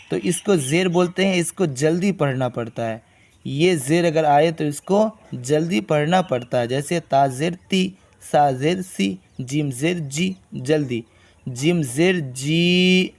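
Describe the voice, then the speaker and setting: A man teaching Arabic letter reading step by step. He explains each rule and then drawls the syllables slowly so learners can copy him. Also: fairly high pitch. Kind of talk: step-by-step recitation lesson.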